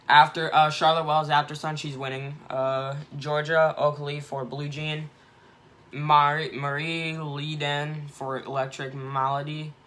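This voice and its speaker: A man's voice: mid-range voice, pushed and bright, a little hiss or hum. A young man hosting a casual vlog, giving rambling, self-correcting opinions on award nominations. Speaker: film awards vlogger.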